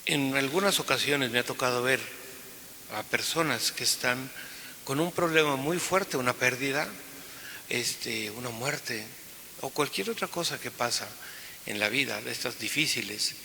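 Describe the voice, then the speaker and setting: Bright-voiced priest in cathedral echo. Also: male voice, mid-range voice, a little slow, gravelly. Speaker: priest celebrating Mass, preaching. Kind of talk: liturgical Gospel reading and homily. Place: large reverberant church. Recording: echoey cathedral-like reverb, hissy background noise.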